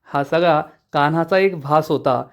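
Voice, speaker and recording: A man narrating a TV serial episode recap in a lively storytelling manner. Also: fairly high pitch, measured pace. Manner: lively storytelling, acting out quotes.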